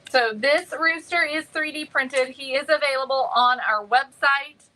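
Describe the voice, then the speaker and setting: A woman hosting a casual craft livestream, greeting viewers by name and filling pauses with many ums. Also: high-pitched, bright, forceful tone, poor audio.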